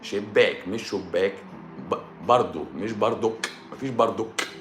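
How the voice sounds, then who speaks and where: A man's voice: lowish voice, normal speed. A man with an Egyptian Arabic accent hosting a live stream, answering viewer questions in a joking, sarcastic manner. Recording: roomy echo with music behind.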